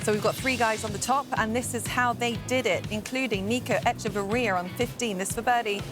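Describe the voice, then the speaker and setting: A woman's voice: on the high side, steady tone, fairly quick. Female golf commentator over music. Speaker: golf studio host and commentator. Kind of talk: broadcast golf highlights commentary. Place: TV studio. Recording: music bed behind studio narration.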